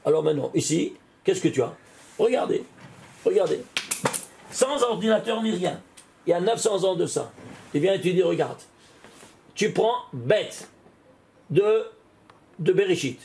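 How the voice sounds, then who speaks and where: A man, a rabbi, giving an animated Torah lesson, often exclaiming and putting questions straight to the listener. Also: high voice, a little slow, gravelly, pauses often. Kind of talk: lively spoken Torah lesson.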